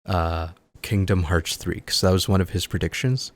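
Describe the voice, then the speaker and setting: A man co-hosting a casual podcast, chatting about video games and telling stories with lively acted-out quotes. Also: low voice, moderate pace. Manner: chatty, animated storyteller who acts out quotes. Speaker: podcast co-host.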